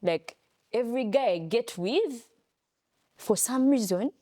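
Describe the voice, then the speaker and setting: A young woman, co-hosting a casual chat and telling a story in an animated, playful way. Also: a little high, measured pace. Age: young adult. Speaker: podcast co-host.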